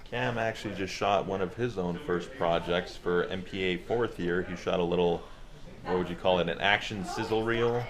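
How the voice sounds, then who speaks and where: Low-voiced man vlogging in an echoey room. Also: moderate pace. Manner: joking, profane, rambling. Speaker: vlogger and actor on a film set. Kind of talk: casual vlog chat to camera. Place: indoors, closet and hotel rooms on set. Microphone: action camera held by himself. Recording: echoey small rooms, busy crowd noise.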